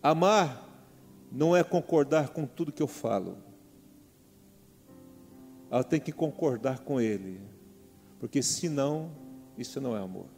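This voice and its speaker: A middle-aged pastor with a Brazilian Portuguese accent preaches in a church hall, calling out to the congregation with repeated questions. His mid-range voice is warm and lively in intonation, moving at a measured pace with long pauses. A long hall reverb carries faint music underneath.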